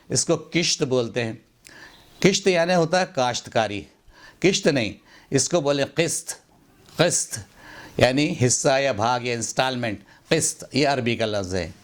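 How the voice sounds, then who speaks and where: A man teaching pronunciation in a slow, instructional way, carefully enunciating and repeating words to contrast wrong and right forms, with a Hindi-Urdu accent. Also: mid-range voice. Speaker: language teacher. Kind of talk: slow, deliberate instructional explanation.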